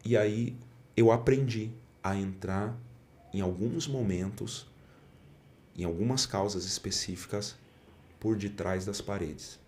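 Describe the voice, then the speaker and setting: Deep-voiced pastor telling a testimony. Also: male voice, slow, a little mellow, slight background noise. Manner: earnest storyteller, often acts out quoted dialogue. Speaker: pastor and guest. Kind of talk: podcast testimony.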